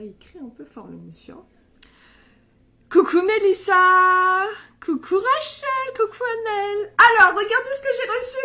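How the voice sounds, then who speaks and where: A bright, high-pitched woman in her thirties talks with bubbly excitement, greeting viewers one by one on a casual live stream. Her nose is stuffed up from a sinus infection, which gives her voice a congested edge.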